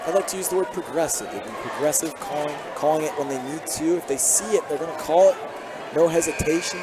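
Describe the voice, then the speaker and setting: Young American man, play-by-play caller for high school hoops, excitable, yells big plays, slightly high voice, noisy crowd behind. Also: fast. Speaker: play-by-play announcer. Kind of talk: high school basketball commentary. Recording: loud crowd and gym noise behind.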